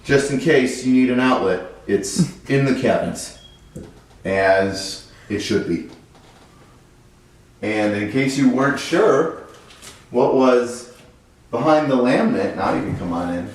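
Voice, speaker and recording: A man's voice: mid-range voice, animated, slow pace, long pauses. A man giving a casual, sarcastic and profane walkthrough of a run-down house he is renovating. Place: empty house interior. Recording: echoey bare rooms, mic at a distance.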